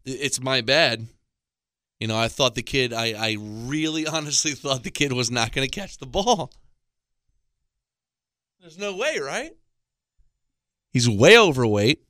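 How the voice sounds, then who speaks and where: A man's voice: on the high side, sharp tone, clean tone, no echo, clean studio sound. A man in his thirties telling a rambling, exasperated comic story into a microphone, with self-mocking asides. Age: 30s. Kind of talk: comedic monologue. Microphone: studio microphone.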